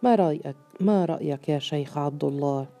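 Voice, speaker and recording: A stern city governor, read by a man in an audiobook, pressing his advisers in a forceful, urgent tone. The voice is deep-toned and mellow, with faint music beneath it. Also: fast talker, close to an everyday voice. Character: stern male governor, alarmed and demanding.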